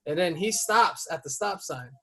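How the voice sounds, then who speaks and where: A man hosting a podcast who tells a story in casual chat. He swears freely and breaks into loud, heated outbursts as he retells it. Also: sits high, animated, moderate pace, very noisy. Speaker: podcast host.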